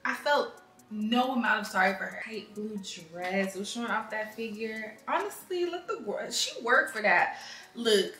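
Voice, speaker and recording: A woman's voice: a little high, lively intonation, moderate pace, fairly bright tone, echoey room, faint music behind. A young woman hosting a podcast, talking casually and with a lot of animation, acting out quotes and swearing freely. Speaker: podcast host. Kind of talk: casual commentary.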